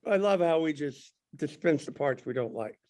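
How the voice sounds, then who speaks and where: Animated joking man teaching a Bible class. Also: fairly high pitch, moderate pace. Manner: animated, rambling, joking, with many restarts. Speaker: Sunday school teacher.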